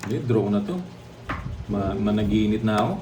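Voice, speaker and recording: A man's voice: fairly low pitch, steady tone, brisk, warm tone, reverberant, slight background noise. Man at card table, far from mic. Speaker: card player. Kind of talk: casual game banter.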